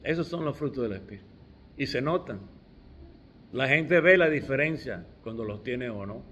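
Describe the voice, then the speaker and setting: A man's voice: medium pitch, lively intonation, normal speed, fairly bright tone. A middle-aged man preaching a sermon, stressing key words with restarts along the way.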